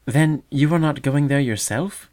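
A man's voice: on the high side, a little slow, darkish tone, pitched above the performer's own voice, close to an everyday voice. A man doing a trusting little songbird chick. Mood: innocent. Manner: earnest and trusting. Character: innocent young male sedge warbler chick.

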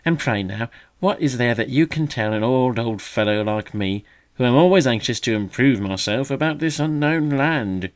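A man's voice: mid-range voice, lively intonation, moderate pace, pitched above the performer's own voice, close to an everyday voice. Man doing a magpie, male, older, conceited, mocking, mock-solemn, raised voice.

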